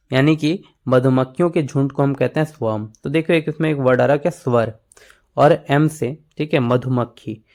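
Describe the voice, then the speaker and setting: A man's voice: mid-range voice, darkish tone. Hindi-speaking man teaching words. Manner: explains words in Hindi mixed with English, memory tricks, frequent "ठीक है". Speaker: English vocabulary teacher. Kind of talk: exam-prep vocabulary lesson.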